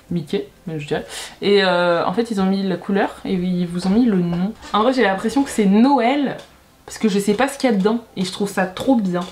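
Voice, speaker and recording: A woman's voice: medium pitch, a little hiss or hum. A woman talking casually to camera in a beauty unboxing vlog, chatty and rambling, often hesitating and correcting herself. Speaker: beauty YouTuber.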